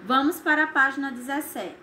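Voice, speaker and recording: A woman with a Brazilian Portuguese accent teaching a primary school class, explaining each exercise slowly and patiently and checking in with "certo?" after her points. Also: high-pitched, bright, forceful tone, a little hiss or hum. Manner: slow, patient, tags lines with "certo?". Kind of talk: recorded remote class lesson.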